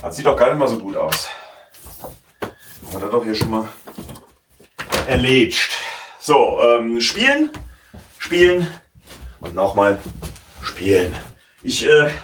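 Rambling man muttering over gameplay, roomy sound. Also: mid-range voice. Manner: rambling, mutters to himself, swears casually. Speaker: let's play commentator. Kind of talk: casual gameplay commentary. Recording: roomy, distant mic, noisy background.

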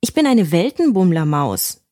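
A woman voicing a friendly, chatty male mouse who travels the world, with a surprisingly loud, high voice. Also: very animated, normal speed, no room sound, clean studio sound. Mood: friendly eager.

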